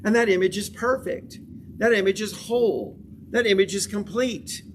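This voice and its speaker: A man leads a spiritual lesson in a fairly high voice, moving through slow, measured lines and repeated affirmations. He sits a little away from the microphone, with a faint hum of room noise behind him. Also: far from the mic. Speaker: spiritual teacher. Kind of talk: spiritual class lecture.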